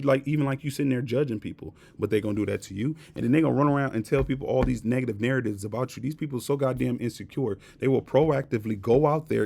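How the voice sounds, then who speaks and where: A man's voice: mid-range voice, creaky, mellow. A man giving a casual, blunt and profane rant to camera, repeating his points with emphasis. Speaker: vlogger.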